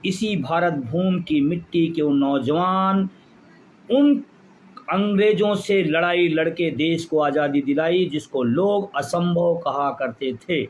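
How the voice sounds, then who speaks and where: A high-pitched man delivering a fiery rally speech. He builds his points by repeating phrases and drives them home with passion. A faint hiss of noise sits under his voice. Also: slow, highs cut off. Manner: impassioned orator, repeats phrases for emphasis. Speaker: pension movement leader.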